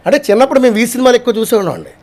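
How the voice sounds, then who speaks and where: A man's voice: very high-pitched, sing-song, very fast, a crowd in the background. A man, a singer and mimicry artist, answering interview questions in an earnest, eager way. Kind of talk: casual interview.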